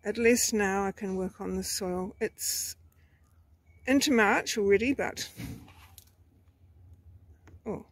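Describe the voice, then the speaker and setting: Woman, gravelly voice, casual garden vlog, chatty, rambling, laughs often. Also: mid-range voice, slow, pauses often. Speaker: gardening vlogger. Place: home garden in hot weather.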